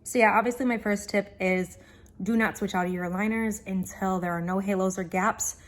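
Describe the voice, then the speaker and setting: A woman's voice: medium pitch, fairly even intonation, a little fast. Casual woman vlogger with an aligner lisp. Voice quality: slight lisp from wearing dental aligners. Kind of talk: casual chat to viewers.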